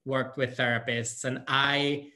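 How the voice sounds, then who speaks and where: At a conference session, a man from Guatemala answers audience questions, sounding thoughtful and halting with lots of fillers and restarts. His mid-range voice stays level, though its tone is sharp.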